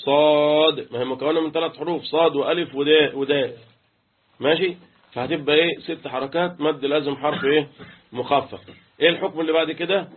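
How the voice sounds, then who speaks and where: A man's voice: on the high side, fairly even intonation, quick pace. A man with an Egyptian accent teaching Quran recitation rules, quizzing his students and chanting letters. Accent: Egyptian Arabic. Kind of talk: interactive tajweed lesson. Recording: tinny phone-like line.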